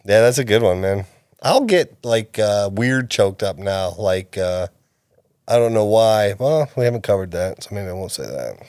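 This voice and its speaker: Chatty low-voiced man on a dry mic. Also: expressive, normal speed, a little mellow, clean tone, dry recording. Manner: chatty, laughs often, rambling. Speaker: podcast co-host. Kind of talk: casual chat.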